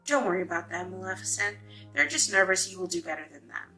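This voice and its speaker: A woman reading aloud voices a gentle young female fairy who speaks kindly and reassuringly. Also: on the low side, lively intonation, fast, soft background music.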